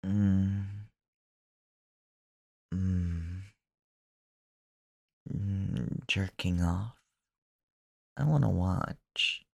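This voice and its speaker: A man performing slow, intimate erotic roleplay in a soft, commanding manner that often drops to a whisper. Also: lowish voice, gravelly, husky, no echo.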